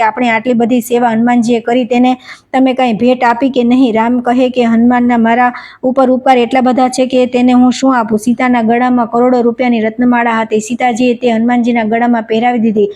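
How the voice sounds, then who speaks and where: Woman in an even, flat storytelling voice. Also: a little high, fairly quick. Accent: Gujarati. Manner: steady recitation, even delivery, quoted dialogue read without acting. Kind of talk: devotional scripture storytelling.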